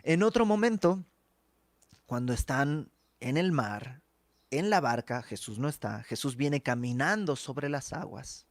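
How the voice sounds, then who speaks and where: A man's voice: mid-range voice, expressive, measured pace, no room sound. A man teaching a verse-by-verse Bible study in a conversational way, acting out the dialogue of the text.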